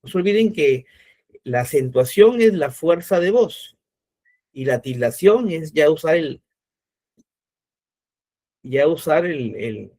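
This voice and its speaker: A man's voice: fairly high pitch, animated, takes it slowly, long pauses, warm tone. A man teaching an online class, explaining step by step and checking in often with his students.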